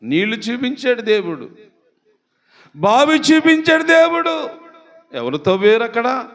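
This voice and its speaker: Brief: male pastor, fiery sermon, slow and very animated, questions the flock. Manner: impassioned preaching, rising to shouts and dropping low; questions the congregation directly. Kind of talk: Sunday morning sermon.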